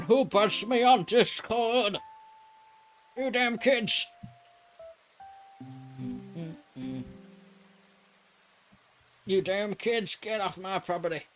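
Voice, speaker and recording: A man putting on the voice of a grumpy old man yelling at kids, slow and indignant. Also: high voice, pitched above the performer's own voice, exaggerated voice. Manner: slow, drawn-out, indignant shouting.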